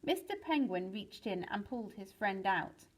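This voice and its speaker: A woman teacher reads a children's chapter book aloud at a middle pitch. Her storytelling is lively, and she swings her voice up for the exciting moments. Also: normal speed, poor audio. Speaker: teacher reading to pupils.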